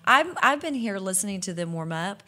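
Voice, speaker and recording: A woman co-host chats casually in a country Oklahoma and Dallas accent. She sounds playful and excitable, at a middling pitch. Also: a little fast. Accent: Southern US, Dallas and Oklahoma country. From Dallas, Texas. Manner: playful, excitable, laughs often. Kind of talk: lively casual chat.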